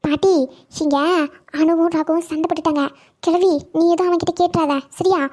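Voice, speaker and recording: A woman's voice: very high-pitched, fairly even intonation, dark tone. A woman voicing a cheeky young woman who teases an old grandmother over the phone in a cartoon comedy. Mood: teasing. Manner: teasing, cheeky, quick.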